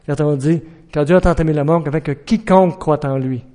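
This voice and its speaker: Earnest preacher. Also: male voice, fairly high pitch, a little fast. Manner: earnest, rhetorical questions, acts out shouted warnings. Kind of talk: sermon.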